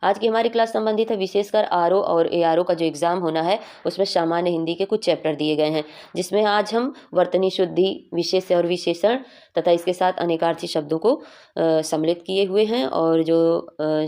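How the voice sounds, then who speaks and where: A woman's voice: on the low side, moderate pace, darkish tone. A young woman teaching a Hindi exam revision class, explaining each answer patiently and often checking in with her students.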